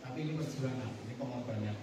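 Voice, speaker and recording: A man's voice: medium pitch, fast talker. A man preaching a sermon as pastor, speaking conversationally to a congregation. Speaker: pastor preaching at a church service. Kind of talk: sermon with prayer. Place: large echoing room at a church service, some held online too. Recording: echoey hall, distant mic, faint noise.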